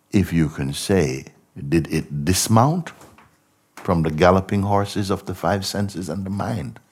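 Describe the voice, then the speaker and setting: Very deep, breathy, slow-talking man. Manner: slow and reflective, asking many rhetorical questions, often trailing off softly. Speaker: spiritual teacher. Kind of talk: contemplative spiritual talk.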